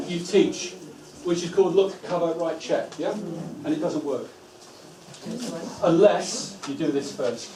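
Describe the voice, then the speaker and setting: A man training teaching assistants in a school room. He gives steady instructions and stretches words out syllable by syllable. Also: fairly high pitch. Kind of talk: training workshop talk. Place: school room with a live audience. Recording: echoey room from far off, noisy.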